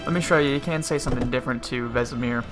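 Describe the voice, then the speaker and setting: Over game music and sound effects, a man with a mid-range voice races through loose, casual let's-play commentary. This gaming host keeps interrupting his own train of thought.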